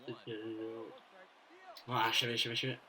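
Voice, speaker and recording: A man with a Quebec French accent doing casual commentary over a baseball video game he is playing, excitable, swinging between low muttering and loud cheering, cursing often and dropping English phrases. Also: normal speed, poor audio. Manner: curses often.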